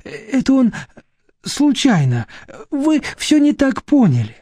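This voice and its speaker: A man's voice: takes it slowly, warm tone, no room sound, clean studio sound, heavily acted. A man doing a tearful pleading young wife. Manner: pleading, breathless, high and tearful.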